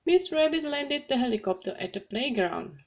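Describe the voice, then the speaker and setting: A woman reading a children's picture book aloud with slow, clearly paced reading. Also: high-pitched, sing-song. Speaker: storybook reader. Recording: slightly muffled with faint hiss.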